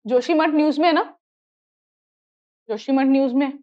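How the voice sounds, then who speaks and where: A woman's voice: high-pitched, normal speed, dark tone, lo-fi sound. A woman with an Indian accent teaching geography for exam prep, repeating mnemonics and quizzing her students. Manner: repetitive, drills mnemonics, asks students questions. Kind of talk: classroom lecture mixing Hindi and English.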